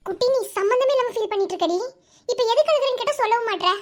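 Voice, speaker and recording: A woman's voice: extremely high pitch, rapid-fire. A woman voicing a caring aunt in a cartoon who coaxes and scolds her niece. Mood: coaxing. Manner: coaxing, scolding.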